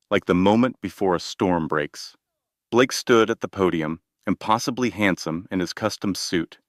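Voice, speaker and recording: A man with a fairly low voice reads a dramatic story in a measured, steady way. The recording is dry and close, with no room sound around him. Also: no room sound. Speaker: narrator. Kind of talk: scripted dramatic narration.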